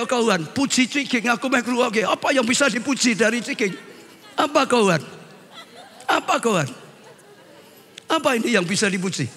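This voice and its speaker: A male pastor delivers a lively, joking sermon, often speaking straight to his congregation. His voice sits high and has a husky edge. It carries a long reverb from a church hall. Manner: animated and joking, addresses the congregation as "saudara".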